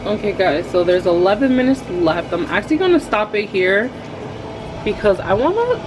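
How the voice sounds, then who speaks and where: A young adult woman chatting to viewers as she cooks in her home kitchen, excitable and talking as she works. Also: mid-range voice, normal speed, noisy background. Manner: chatty, excitable, talks to viewers while working. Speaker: cooking vlogger. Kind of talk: casual cook-along narration.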